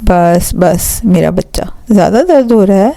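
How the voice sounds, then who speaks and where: An affectionate older brother coaxing his little sister with gentle questions, voiced by a woman narrator. Her delivery is warm and mellow with a gravelly edge, and the sound is dry. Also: medium pitch, no echo, natural voice. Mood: caring. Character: caring older brother, soft-spoken and affectionate.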